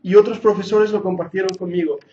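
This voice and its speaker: A Bible teacher from Catalonia, in his forties, talks fast in a high, steady, warm voice, his accent mixing Catalan Spanish and English. His earnest, jokey class takes on a sermon-like feel as it rises to emphatic preaching. A handheld or lapel mic captures a muffled, echoey hall with a little hiss or hum.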